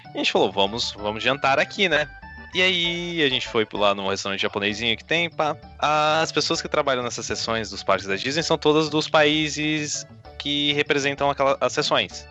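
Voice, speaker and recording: Bright-voiced Brazilian man telling a story. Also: fairly high pitch, normal speed, faint music behind. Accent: Brazilian Portuguese. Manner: animated, self-mocking anecdote teller. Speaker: podcast co-host. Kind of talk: casual storytelling chat.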